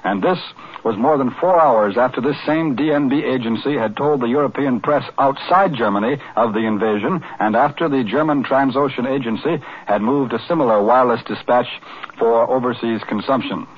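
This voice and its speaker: A man's voice: medium pitch, normal speed, husky. A man anchoring live wartime radio news coverage, reading wire bulletins with brief hesitant asides, heard as an old 1940s radio newsreel. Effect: old 1940s radio newsreel sound. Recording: tinny lo-fi 1940s radio broadcast.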